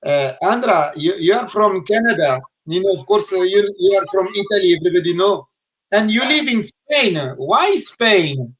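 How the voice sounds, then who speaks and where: A man's voice: high voice, expressive, moderate pace, a bit bright. A man hosting a live video-call interview, asking questions hesitantly and repeating his words as he goes. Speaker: host.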